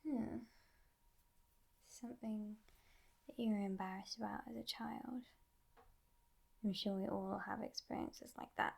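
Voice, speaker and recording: A woman playing a teasing but gentle devil in an ASMR role-play, in a breathy, hushed voice with musing pauses. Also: medium pitch, fairly even intonation. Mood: coaxing, soothing. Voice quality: breathy, husky soft voice.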